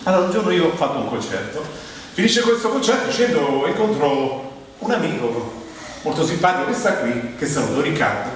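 A distant mic in a very echoey, noisy hall picks up a middle-aged Roman man performing comedy on a theatre stage for an audience. Speaking with a Roman Italian accent in a voice on the high side, he keeps his humorous monologue conversational and expressive, pausing for effect.

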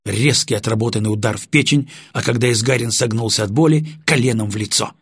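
A man reading an audiobook narration in an even, steady way. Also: on the low side, quick pace, husky, dry recording, clean studio sound. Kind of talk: scripted narration.

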